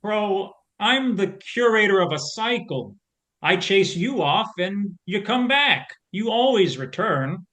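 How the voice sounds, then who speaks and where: A man playing a weary gentle scarecrow. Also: sits high, lively intonation, heavily acted. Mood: steady. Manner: slow, measured, gently soothing. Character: weary old male scarecrow, gentle guardian. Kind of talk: audio drama reading.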